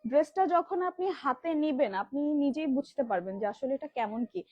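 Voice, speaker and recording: A woman from Bangladesh hosting a live stream, showing children's dresses in rapid, filler-heavy sales patter. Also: sits high, expressive, no echo. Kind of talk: live product demo selling kids' dresses. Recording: dull lo-fi livestream audio.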